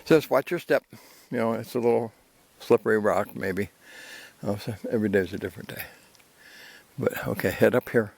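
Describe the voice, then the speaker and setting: A man's voice: fairly low pitch, brisk, creaky, pauses often, breathy edge. An older man talking casually while hiking a canyon trail, out of breath, rambling easily with fillers into his handheld camera. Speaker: hiking vlogger. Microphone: handheld camera while walking. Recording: loud outdoor noise.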